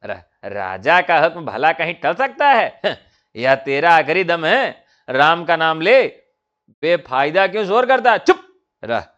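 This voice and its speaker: A man's voice: fairly high pitch, big pitch swings, takes it slowly, a bit bright, heavily acted. A man reading the part of a blunt constable who scolds curtly. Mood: gruff. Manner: curt, scolding. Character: gruff male constable, blunt and bossy. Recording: dull lo-fi recording.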